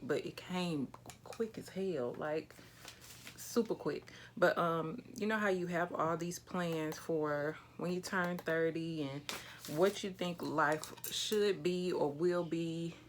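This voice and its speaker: A woman's voice: on the low side, slow, a little hiss or hum. A thirty-year-old woman chatting candidly and casually while doing her makeup, with easy slang and some swearing, recorded in a small room facing the camera. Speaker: beauty vlogger. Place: small indoor room with a plain backdrop.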